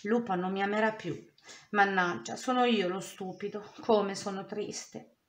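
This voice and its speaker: A woman voicing an excitable young male wolf in a storybook reading, swinging between glee, rage and whining. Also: medium pitch, unhurried, roomy sound, lightly acted. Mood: tearful.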